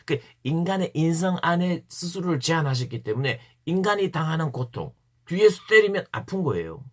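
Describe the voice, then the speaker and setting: A man's voice: fairly high pitch, big pitch swings, fairly quick. A man giving an earnest devotional Bible talk to teenagers as a youth pastor, stressing points by repeating key phrases.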